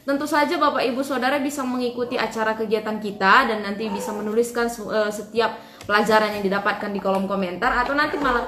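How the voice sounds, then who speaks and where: A woman hosting an online Bible study, addressing viewers politely with some hesitant pauses. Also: on the high side, fairly even intonation. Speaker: host. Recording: roomy, echoing sound.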